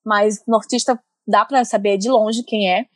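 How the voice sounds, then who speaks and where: A woman's voice: medium pitch, measured pace, dry recording, studio quality. A young woman from northern Brazil, a comics professional, telling stories animatedly as a podcast guest. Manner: animated storytelling, lively slang, laughs often. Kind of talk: casual podcast interview.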